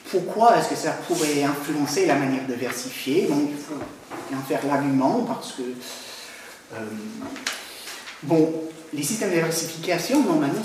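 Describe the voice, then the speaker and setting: A man giving a scholarly lecture, pausing often and hedging with fillers as he builds his argument. His voice sits a little high for a man. He is heard from a distance in a very echoey hall, with faint noise behind him. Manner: hesitant, many pauses and "euh" fillers. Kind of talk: academic conference talk.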